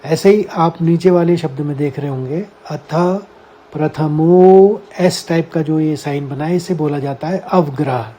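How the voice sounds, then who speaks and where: A man's voice: a little high, moderate pace, hardly any pauses, dark tone. A man teaching a scripture lesson, explaining word meanings and carefully sounding out each Sanskrit syllable for his listeners. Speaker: Gita teacher.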